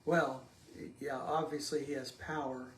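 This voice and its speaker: A man leading a casual Bible study discussion, speaking slowly and haltingly with many pauses and fillers. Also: medium pitch, flat delivery. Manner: slow and halting, many ums. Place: church room. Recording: echoey room with faint noise.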